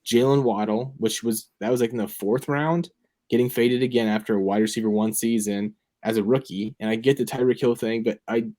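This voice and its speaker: The young man co-hosting the fantasy football show thinks aloud in relaxed conversation, leaning on fillers. His mid-range voice is dark, a bit fast, and fairly even in intonation.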